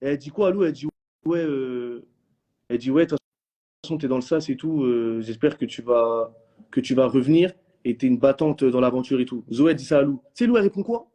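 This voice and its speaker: Young guy on a live, talks super fast, husky dark voice, slangy storytelling. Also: mid-range voice. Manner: animated storytelling in slang, acting out others' lines. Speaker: reality show contestant. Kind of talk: casual live chat.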